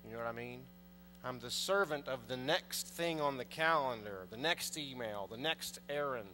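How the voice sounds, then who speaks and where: A man's voice: medium pitch, animated, moderate pace, pushed and bright. A man in his thirties, a priest, preaching a conversational sermon from the pulpit and putting questions to the congregation. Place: large church, indoors. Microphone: pulpit mic, far camera. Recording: long church reverb, faint mains hum.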